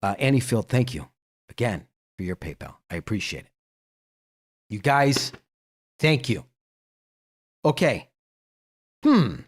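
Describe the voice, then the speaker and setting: A man's voice: medium pitch, sing-song, slow, pauses often, breathy edge. A man hosting a laid-back livestream, talking straight to his viewers. He rambles, restarts his sentences, laughs easily and drops casual swear words. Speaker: livestream host.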